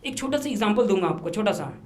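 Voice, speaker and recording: A man talking as a podcast guest, telling a story in a lively, repetitive way and dropping English words into his speech. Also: high voice, quick pace. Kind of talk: casual storytelling interview. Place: podcast studio.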